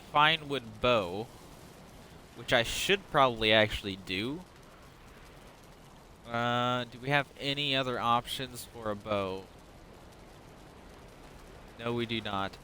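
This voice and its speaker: A man's voice: mid-range voice, bright, forceful tone, slight background noise. A man giving casual, unrehearsed let's-play commentary, rambling, stumbling over words and swearing now and then. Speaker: gaming channel host.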